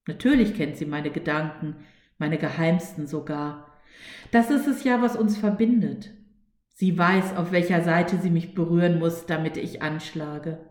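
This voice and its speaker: Slow, calm woman storyteller. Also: low-pitched. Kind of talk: reading a short story aloud. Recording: echoey room.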